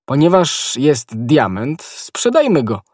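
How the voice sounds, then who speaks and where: A man reading the part of a hearty, slow-witted musketeer in an audiobook, eager and naive. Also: mid-range voice, very animated, darkish tone, no room sound, clean studio sound, pitched above the performer's own voice.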